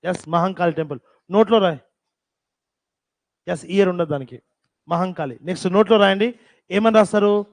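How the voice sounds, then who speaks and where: A man teaching a class, dictating terms slowly and repeating them, with teasing scolds, in a classroom. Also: high-pitched, no echo.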